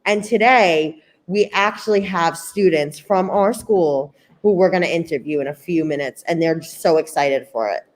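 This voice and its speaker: A woman's voice: lowish voice, normal speed, hardly any pauses. A woman hosting a school open house, chatting playfully and enthusiastically with viewers and a young student. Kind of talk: upbeat casual chat.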